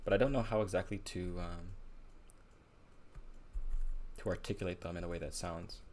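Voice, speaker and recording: A man with a very low voice talks loosely to his live audience as he paints, thinking out loud and poking fun at himself. A faint hiss of background noise sits under his voice. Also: steady tone, quick pace. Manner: rambling, musing aloud, self-deprecating. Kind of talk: casual livestream chat while painting.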